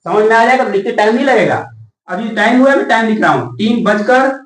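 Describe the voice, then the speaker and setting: A man teaching a class, constantly asking questions back and spelling words out slowly. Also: high voice, animated, fairly bright tone. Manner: asks the class rhetorical questions and repeats answers; spells words letter by letter slowly, calls out key words. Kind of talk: classroom lesson. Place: classroom with students. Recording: echoey room, voice from far off the mic.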